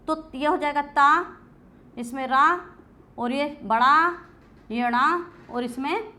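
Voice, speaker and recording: A woman's voice: sits high, pushed and bright. A woman teacher giving a classroom grammar lecture, asking questions and answering them herself. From India. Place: coaching class.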